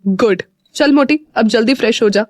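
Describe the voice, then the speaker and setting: Woman playing a teasing big bro, fond, in her own kinda bright voice, dry. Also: fairly high pitch, moderate pace, dry recording, natural voice. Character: teasing protective older brother, young man.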